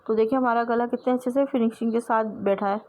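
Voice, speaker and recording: A woman's voice: a little high, fairly even intonation, fast, a little mellow. A woman teaching sewing step by step, explaining patiently and repeating herself as she works with her hands.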